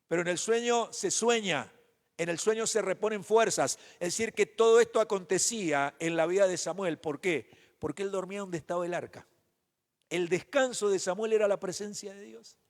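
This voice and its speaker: A man's voice: high-pitched, vocal fry. A man preaching a sermon as pastor, asking the congregation question after question. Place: church hall. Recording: reverberant church hall.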